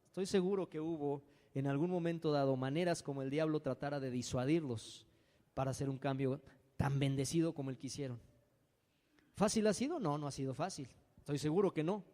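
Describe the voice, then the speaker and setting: A man's voice: on the high side, brisk, mellow. A man preaching a sermon as pastor, dramatic and acting out frightened voices. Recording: long hall reverb.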